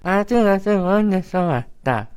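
Woman playing a slow, innocent baby dragonfly. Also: medium pitch, expressive, darkish tone, smooth. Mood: dreamy. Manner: wondering, childlike exclamations. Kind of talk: children's shadow-play acting.

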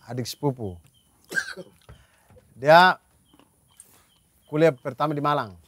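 A man's voice: a little high, slow pace, a crowd in the background. A young man in a casual chat, telling a funny story and repeating words for comic effect. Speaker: podcast co-host.

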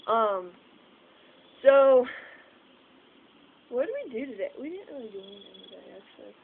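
A young woman with a high-pitched, expressive voice talks at a moderate pace for her vlog. It's nighttime by a house porch, and she rambles with many fillers plus the occasional swear. Recorded on a distant phone camera, the sound is tinny and noisy.

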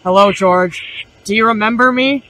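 A man hosting a paranormal investigation vlog outdoors, putting questions to spirits in a husky voice. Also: sits high, moderate pace, pushed and bright, slight background noise, poor audio. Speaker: ghost-hunting vlog host. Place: outdoors in a cemetery at night.

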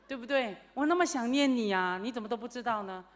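A woman's voice: on the low side, big pitch swings, brisk, fairly bright tone, big-room sound. A woman voicing a discouraged male monk who sighs and pleads after years of fruitless retreat, in a story told to a class. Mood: pleading. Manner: plaintive, sighing.

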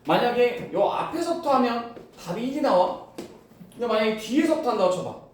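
A man teaching a classroom math lesson, explaining step by step and firing quick questions at his students. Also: extremely high pitch, animated, a little hiss or hum. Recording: echoey room, voice from far off.

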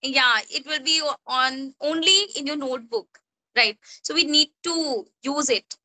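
The recording is rough, catching a sharp-toned voice that sits high and moves at a measured pace. The speaker, a young woman from Jharkhand whose first language is Hindi, has an Indian English accent and teaches English informally on a video call, peppering her speech with "you know" and "right?". She's indoors in a small room, phone at arm's length.

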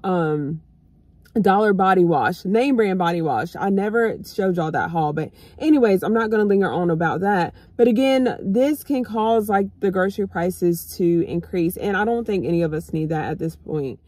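Woman in her 30s talking to camera in her car, mellow voice, dry close sound, chatty y'all vibe. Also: lowish voice, normal speed, no room sound. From United States. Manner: chatty, addresses viewers as y'all. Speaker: vlogger. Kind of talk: casual chat to camera. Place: parked car, indoors. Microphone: phone camera on dashboard.

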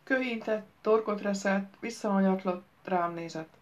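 Wry woman reading an audiobook. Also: medium pitch. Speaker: audiobook narrator. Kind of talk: first-person novel reading. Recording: slightly dull lo-fi recording.

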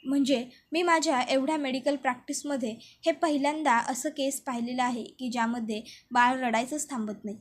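A woman voicing a stern male doctor who speaks firmly and explains gravely. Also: high voice, fairly even intonation, a little fast. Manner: firm, explanatory.

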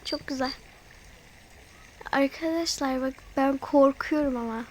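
A woman's voice: high voice, unhurried, darkish tone, slight background noise. A woman hosting her channel, chatty and easily frightened, talking straight to her viewers while she voices a role-play over a mobile game. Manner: easily frightened, gasping and fretting. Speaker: channel host.

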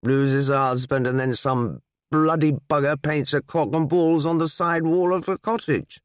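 A woman's voice: low-pitched, steady tone, measured pace, no room sound, studio quality, pitched above the performer's own voice. A woman voicing a crude, drunk middle-aged village man who slurs and grumbles. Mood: indignant. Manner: slurred, grumbling.

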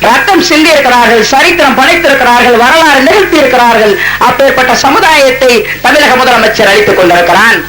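High-pitched man thundering political rally oratory. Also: fast talker. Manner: declamatory, rhetorical lists with rising repetition. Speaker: community leader addressing a rally. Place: public rally, amplified speech. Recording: echoing, very noisy 1990s rally recording.

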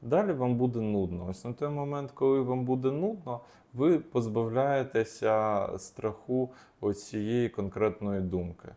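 A man's voice: medium pitch, unhurried, few pauses, dark tone. A man, a psychologist, explaining techniques off the cuff, with frequent hesitations and restarts. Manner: unscripted, many hesitations and restarts.

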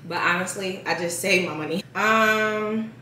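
A woman's voice: medium pitch, measured pace, pushed and bright, a little hiss or hum. Chatty young woman, talking while eating. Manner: chatty, heavy use of "like", talks while eating. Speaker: vlogger. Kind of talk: casual mukbang chat. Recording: echoey room, mic at a distance.

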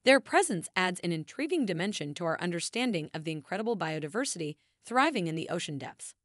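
A woman narrates in the manner of a nature documentary, scripted and formal. Her voice sits a little low, yet it rises and falls widely as she stresses grand phrases. The sound is dry, with very little room in it. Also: big pitch swings, quick pace, a bit bright, dry recording.

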